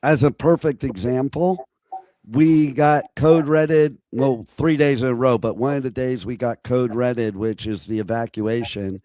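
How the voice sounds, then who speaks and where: A man hosts a radio interview in a hoarse voice that is nearly gone. His pitch sits in the middle range, and he chats casually. The sound is dry, with very little room. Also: a little slow, dark tone, no echo. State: hoarse, lost voice. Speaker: radio host.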